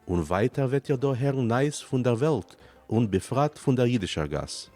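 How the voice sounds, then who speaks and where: A male radio announcer reading a formal station introduction in a measured way. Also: medium pitch, expressive, a little mellow, soft background music.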